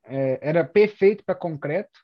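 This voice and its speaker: A man's voice: a little high, normal speed, no room sound, highs cut off. A man with a Brazilian accent chatting casually in slangy speech, repeating phrases for emphasis as he talks like an experienced skater. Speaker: experienced inline skater discussing gear. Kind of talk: casual chat.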